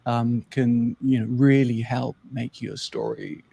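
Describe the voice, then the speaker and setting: A man with a mid-range, slightly gravelly voice hosting a podcast. He is conversational and encouraging, framing questions for his guest. The sound is close and dry. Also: mid-range voice, fairly even intonation, slow pace, warm tone, no room sound. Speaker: podcast host, photographer. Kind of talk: podcast interview.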